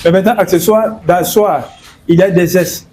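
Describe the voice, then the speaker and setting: A man's voice: high voice, fairly even intonation, moderate pace, a little mellow, a little hiss or hum. A man from Congo explaining in an interview, hesitant and repeating words and fillers. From Democratic Republic of the Congo. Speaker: guest.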